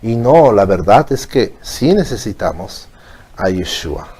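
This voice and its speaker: A man's voice: lowish voice, very animated, measured pace, mellow, slightly rough. Man giving a patient religious lesson. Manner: explains patiently, asks "¿bien?" often. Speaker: teacher. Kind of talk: religious teaching.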